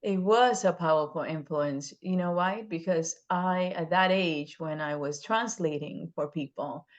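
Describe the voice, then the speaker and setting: Speaking a little slowly in a low voice, a state legislator from the Dominican Republic appears as an interview guest. She talks earnestly and with emphasis, frequently adding "right?".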